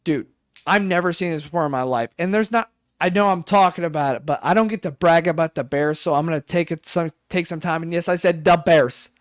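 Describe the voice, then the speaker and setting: Excitable young man, slightly high voice. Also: brisk, no echo, studio quality. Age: 20s. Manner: excited, rambling sports talk with swearing. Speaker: podcast co-host. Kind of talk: casual chat.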